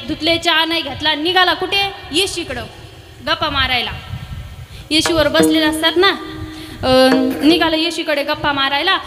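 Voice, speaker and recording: Woman kirtan preacher, very high and bright, playful storyteller; booming long-reverb hall. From Maharashtra, India. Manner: lively, teasing asides to the audience. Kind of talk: humorous devotional storytelling sermon.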